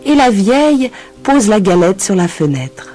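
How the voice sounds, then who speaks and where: Slow, expressive woman telling a tale. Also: mid-range voice, soft background music. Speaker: teacher reading a story. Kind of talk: children's story narration.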